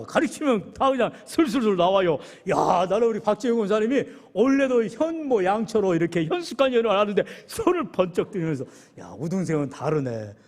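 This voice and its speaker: A high-voiced male pastor preaching with a lively, swooping delivery. He jokes with the congregation and calls on people by name. His voice rings through a big, reverberant church sanctuary. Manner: lively, joking with the congregation and calling on members. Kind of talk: sermon.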